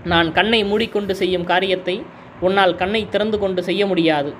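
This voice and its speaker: A man's voice: sits high, steady tone, brisk, fairly bright tone, a little hiss or hum. A man reading as a sly, taunting schemer.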